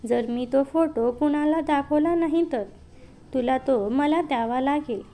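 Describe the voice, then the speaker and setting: A woman voicing a cold, firm younger brother in a read-aloud story, in her own slow reading voice. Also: high-pitched, mellow. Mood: cold insistent.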